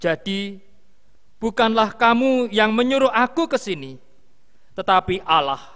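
A man leads worship as a pastor, reading scripture at a slow, solemn pace. His voice sits high and rings smooth and clear. Long reverb trails each phrase. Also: expressive, a bit bright. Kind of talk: liturgical prayer and scripture reading.

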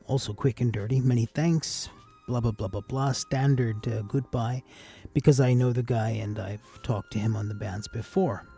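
Speaking at medium pitch with a warm, husky, creaky voice, a man narrates a tutorial as an amateur radio operator, keeping his instructional voice-over casual and measured.

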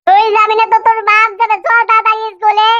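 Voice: very high-pitched, monotone, quick pace, slight background noise, pitched above the performer's own voice. A voice actor playing an angry cartoon mother who scolds her son to get ready for school. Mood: scolding. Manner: sharp scolding. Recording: lo-fi cartoon audio with background music.

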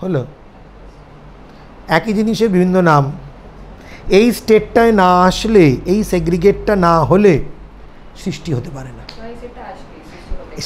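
A man with a Bengali accent delivers a seminar lecture in a high-pitched voice. He explains concepts step by step and keeps asking whether his listeners have understood. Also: a little hiss or hum. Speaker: seminar teacher. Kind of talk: lecture to students.

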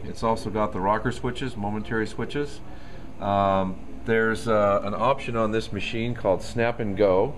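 Walking around a machine in a store showroom, a salesman demos the product in a loose, casual way full of ums and uhs. His voice sits on the low side, and there's slight hiss or hum in the recording.

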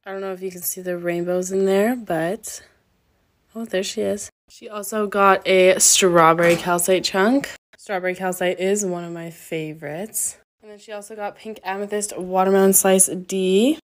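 A woman's voice: medium pitch, steady tone, moderate pace. A young woman who runs a small shop, chatting casually and upbeat as she lists items one by one while packing orders. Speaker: crystal shop owner.

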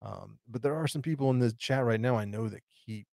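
A man's voice: mid-range voice, a little fast, vocal fry, darkish tone, no echo, studio quality. A man hosting a live stream, casually rambling through viewer questions with lots of fillers and restarts. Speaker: tarantula channel host.

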